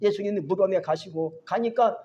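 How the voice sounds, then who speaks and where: A man preaching a sermon as a pastor, lively, often asking the congregation questions and acting out biblical voices. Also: sits high, normal speed, a little hiss or hum.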